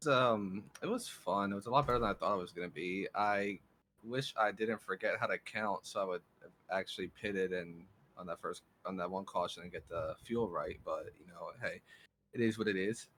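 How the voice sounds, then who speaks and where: A man's voice: sits low, normal speed, fairly bright tone, slight background noise. A man talking as a sim racing driver in a post-race interview, easygoing and joking.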